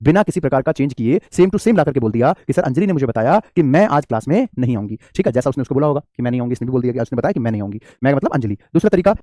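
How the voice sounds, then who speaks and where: A man's voice: medium pitch, big pitch swings, very fast, hardly any pauses, mellow, no room sound, clean studio sound. A man teaching an English grammar lesson in a classroom-style lecture. He asks his own questions, answers them, and calls the students "child" affectionately.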